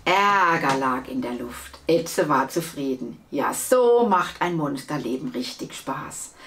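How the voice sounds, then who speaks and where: A woman reading a children's book aloud, with lively, expressive storytelling. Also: low voice, takes it slowly, a little hiss or hum. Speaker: storybook reader.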